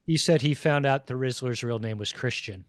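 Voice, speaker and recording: A man co-hosting a casual podcast chat, telling stories with deadpan jokes. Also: medium pitch, normal speed, dry recording, studio quality. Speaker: podcast co-host.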